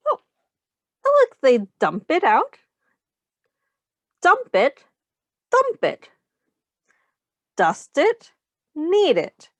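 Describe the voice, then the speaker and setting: Reading a picture book aloud to young children, a woman teacher explains simple words and asks them questions along the way, pointing out rhymes and speaking to the kids directly in an instructive manner. Her voice sits high with huge swings in pitch. She goes very slowly with long pauses, and the recording has no echo.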